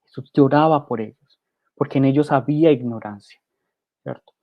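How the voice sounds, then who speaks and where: A man's voice: mid-range voice, normal speed, highs cut off. A man preaching a sermon, explaining scripture and often asking his listeners a rhetorical question. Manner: rhetorical, keeps asking "¿cierto?"; reads scripture aloud between explanations.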